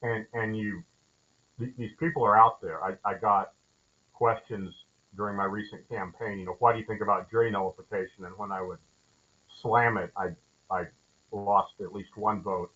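A man, a judge, explaining his view during a training call, halting and thoughtful with many restarts. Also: fairly low pitch, steady tone, bright, forceful tone, husky. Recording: muffled lo-fi audio.

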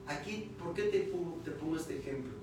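A man's voice: a little high, fairly quick, a little mellow, a little hiss or hum. Preacher man, echoey and distant. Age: young adult. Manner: storytelling, acts out dialogue, builds to emphatic repetition. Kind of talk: sermon with personal testimony. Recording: echoey room, far from the mic.

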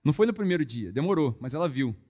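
A young man, preaching a testimony as a lively storyteller who acts out dialogue. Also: a little high, fast talker. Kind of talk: testimony sermon.

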